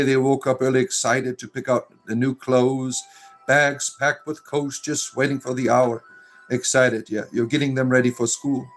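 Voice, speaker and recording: Over quiet music, a man from Florida hosts a livestream, chatting casually as he reads out viewer comments. He rambles, restarting and filling gaps constantly, with a slow, drawn-out narrator's delivery.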